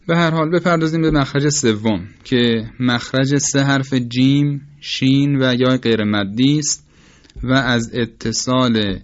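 A man teaching Quran recitation rules in a formal, careful lecture, slowly demonstrating each throat and mouth sound aloud. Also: medium pitch, lo-fi sound. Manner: formal and polite toward listeners. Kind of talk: instructional lecture on tajweed.

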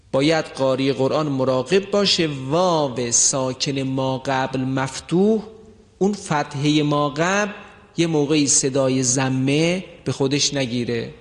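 A man teaching the rules of Quran recitation, drawing out his example words slowly and deliberately. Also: fairly high pitch. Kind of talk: tajweed lesson with recited examples. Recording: long hall reverb.

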